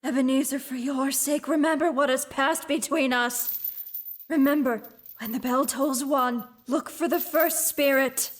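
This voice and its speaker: Voicing an old businessman's mournful, shackled ghost for a student radio play, the actor sounds solemn and now and then sinks into breathy whispers. Expect a very high-pitched voice with fairly level intonation and a measured pace.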